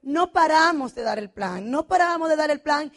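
A woman's voice: high-pitched, animated, moderate pace. A middle-aged woman telling an emotional testimonial, dramatic and passionate, acting out quoted dialogue. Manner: passionate, dramatic storytelling with vivid quoted dialogue and frequent shouting. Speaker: motivational speaker at a business convention.

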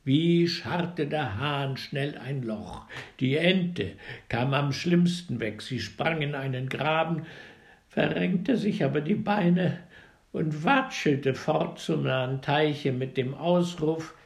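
A man reading a fairy tale aloud in an expressive, dramatic way, dropping to a hush at times. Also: fairly high pitch, takes it slowly, gravelly. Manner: expressive, dramatic storytelling with hushed passages. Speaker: storyteller.

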